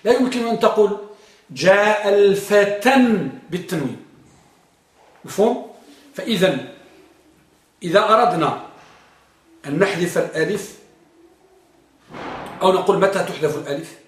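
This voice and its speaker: A man leads a grammar lesson in a classroom. He asks his students questions and repeats each example slowly with stress. His voice sits high, and it is picked up from across an echoey room. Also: lively intonation, far from the mic. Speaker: grammar teacher.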